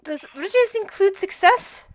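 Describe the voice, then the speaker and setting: A woman's voice: very high-pitched, expressive, takes it slowly, no echo, pitched above the performer's own voice, full character voice. A woman voicing a startled, hesitant male cat-man pawnbroker who stammers, in a tabletop game. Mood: pondering.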